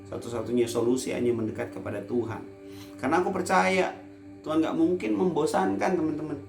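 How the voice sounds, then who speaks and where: A man preaching a casual youth sermon for an online service, with playful teasing asides, swinging from loud emphasis to quiet low lines. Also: fairly quick, creaky, roomy sound, over music.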